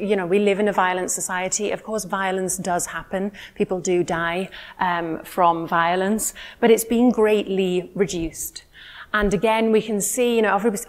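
A woman, giving a conference keynote in an earnest, steady lecturing manner with frequent ums. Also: mid-range voice. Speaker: keynote speaker. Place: conference room, indoors.

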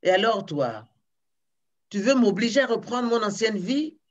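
A woman storyteller voicing a huge, thin, bad-tempered male giant who threatens and shouts. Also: fairly low pitch, expressive, unhurried, muffled recording. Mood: furious.

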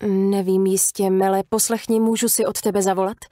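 A woman's voice: mid-range voice, level tone, warm tone, dry recording, lightly acted. A young woman holding back grief, voiced by a woman reading an audiobook. Her replies come clipped and strained. The sound is close and dry.

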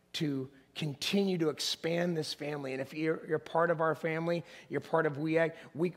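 A middle-aged pastor delivers a sermon on a large church stage before a congregation, picked up close by a body mic. His naturally gravelly voice is strained and hoarse, set in a slightly high register as he paces and climbs to emphatic, animated peaks.

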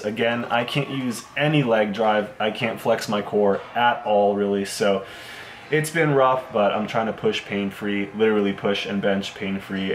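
A man's voice: lowish voice, slight background noise. Laid-back young guy vlogging. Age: young adult. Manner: laid-back, chatty, loose fillers. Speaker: fitness vlogger. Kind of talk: casual vlog talk to camera. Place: large gym, indoors. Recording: echoey with background music.

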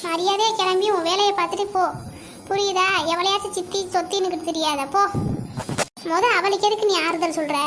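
A woman voicing a stern, sharp-tongued middle-aged mother in a cartoon, talking in a harsh, bossy scolding manner. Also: very high voice, steady tone, brisk, background noise. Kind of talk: cartoon dialogue acting.

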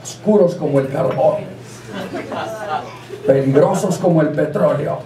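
A man with a Colombian accent telling a comic folk tale live on stage, animated and crude. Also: on the high side, a little slow. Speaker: storyteller comedian. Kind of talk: live comedic storytelling. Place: live stage before an audience. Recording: roomy live room, distant mic, loud crowd.

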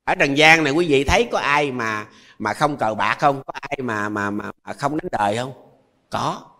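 A man's voice: medium pitch, lively intonation, moderate pace, sharp tone. A man in his eighties with a Southern Vietnamese accent, a Buddhist monk giving a folksy, repetitive dharma talk full of everyday examples. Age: 80s. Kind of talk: dharma talk to lay followers.

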